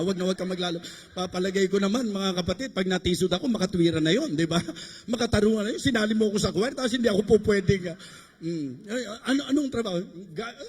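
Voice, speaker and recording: A bishop from the Philippines, with a very high, slightly rough voice, preaches at a church service abroad. His style is conversational and joking, with banter and rhetorical asides to the congregation between points, in an echoey church hall.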